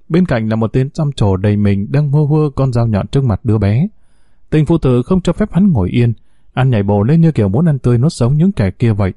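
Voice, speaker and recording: A man narrating a dramatic story in a steady, scripted way. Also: medium pitch, dry recording.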